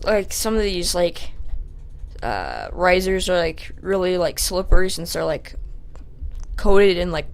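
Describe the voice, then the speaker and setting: A young woman telling a rambling, self-mocking story for a casual vlog, full of fillers, with a sore throat. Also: on the low side. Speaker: vlogger.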